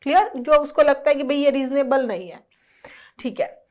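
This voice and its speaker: A woman teaching vocabulary in an exam-prep lesson. She explains slowly in Hindi mixed with definitions spoken, and she often checks in with "clear?" and "right?". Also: high voice, a little mellow.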